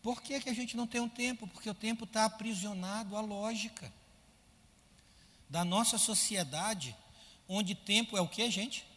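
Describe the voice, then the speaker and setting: A pastor preaches animatedly in a high voice at a moderate pace, firing rhetorical questions at his congregation and acting out the complaints of his listeners. The recording has a big-room sound.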